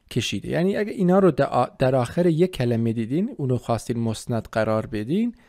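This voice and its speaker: Man, language teacher, grammar lesson, methodical, warm mellow tone, close dry recording. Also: medium pitch, no room sound. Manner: methodical, repeats and spells out word forms.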